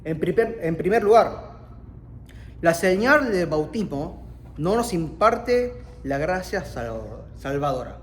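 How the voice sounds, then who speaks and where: Argentine male preacher, earnest and emphatic, voice on the higher side. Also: expressive, takes it slowly, a little hiss or hum. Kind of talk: sermon.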